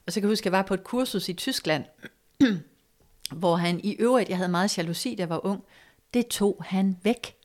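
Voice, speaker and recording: Speaking at a medium pitch, a woman shares a personal story calmly during an informal chat. Her telling is thoughtful and halting, full of fillers, with moments where her voice drops almost to a whisper.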